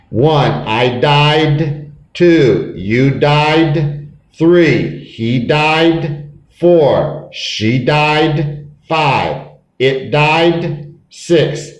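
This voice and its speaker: A man's voice: medium pitch, reverberant. A man teaching an English spelling lesson, sounding out letters and drilling verb forms in a chant. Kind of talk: classroom phonics lesson.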